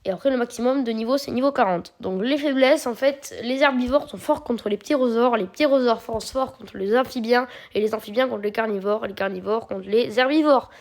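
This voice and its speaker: A woman's voice: fairly high pitch, a little fast, few pauses. A woman gives casual, chatty gameplay commentary, explaining each step with plenty of fillers. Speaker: mobile game video creator.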